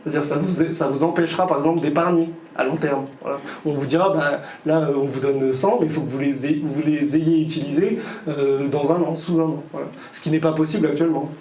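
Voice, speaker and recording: Halting, sarcastic male lecturer in an echoey hall. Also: a little high, fairly even intonation, dark tone. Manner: halting, with frequent "euh" and repeated words; sarcastic, ironic asides. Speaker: guest lecturer. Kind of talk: conference talk to a live audience. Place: conference hall. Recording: echoey hall, faint room noise.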